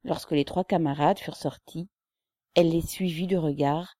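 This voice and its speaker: A woman narrating a novel as an audiobook in a measured, steady reading. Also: sits low, dry recording, clean studio sound. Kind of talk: scripted literary narration.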